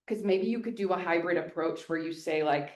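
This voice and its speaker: A woman landscape designer giving an energetic, joking talk at a neighborhood meeting, then answering audience questions. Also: on the low side, brisk. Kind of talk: public presentation with audience Q&A. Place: meeting hall. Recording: echoey hall.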